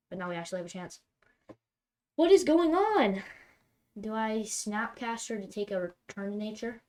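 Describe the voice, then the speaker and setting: A woman giving running commentary on her own card game, talking to herself and breaking into exasperated outbursts over her bad luck. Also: mid-range voice. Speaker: streamer playing a card game. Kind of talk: live gameplay commentary.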